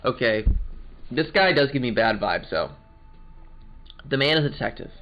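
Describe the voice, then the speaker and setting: A man's voice: mid-range voice, expressive, moderate pace, dull audio. Chatty man doing game commentary. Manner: chatty, joking asides. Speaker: game playthrough narrator. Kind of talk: casual gaming commentary.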